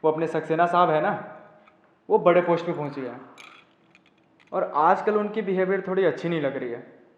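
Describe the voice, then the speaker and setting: A man playing a shady, conspiratorial accomplice in a low-budget crime drama, speaking matter-of-factly. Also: moderate pace, natural voice. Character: shady male accomplice of a scheming businesswoman. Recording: echoey, noisy room, dull sound.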